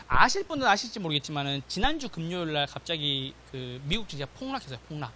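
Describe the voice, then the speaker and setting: Brief: middle-aged man, exam-prep lecturer, bright voice, faint tape hiss. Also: a little high. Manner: animated, checks in with "맞죠?" and "됐죠?", acts out quotes. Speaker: real estate exam lecturer. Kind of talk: classroom lecture.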